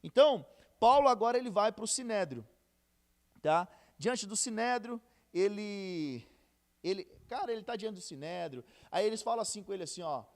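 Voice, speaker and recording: A man's voice: high-pitched, lively intonation, moderate pace. A Brazilian man teaching a casual Bible study lesson, retelling scenes in colloquial slang and acting out the dialogue. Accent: Brazilian Portuguese.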